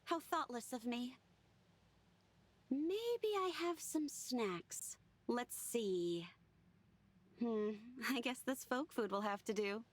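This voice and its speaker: A woman voicing a cheerful young female knight in a video game, speaking in a dreamy, gently playful way. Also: a little high, animated, slow pace, pauses often.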